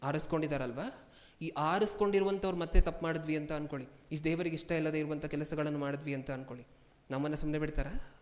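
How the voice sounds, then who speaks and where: A man preaching a sermon as a pastor, firing questions at his congregation and repeating lines for emphasis, moving between hushed asides and loud outbursts. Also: on the high side, steady tone, quick pace. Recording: long hall reverb.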